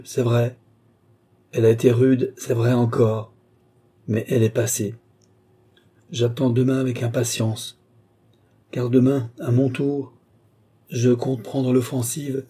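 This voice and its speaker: A man voicing an entranced woman seer who answers obediently and haltingly. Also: medium pitch, level tone, warm tone, husky. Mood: hesitant reading. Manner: halting, submissive replies.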